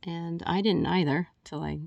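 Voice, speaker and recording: Woman, candid rambling video message; slightly out of breath, lower voice, dry and close. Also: fairly even intonation, moderate pace, creaky, a little mellow, no echo, muffled recording. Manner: rambling, candid, with frequent restarts and fillers. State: a little out of breath. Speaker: vlogger.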